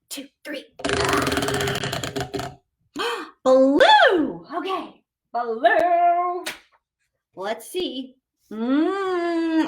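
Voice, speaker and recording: A woman with a very high-pitched, slightly bright voice hosts a live story time for children. She reads and sings in a playful, exaggerated sing-song style, speaking straight to the young kids and asking them questions.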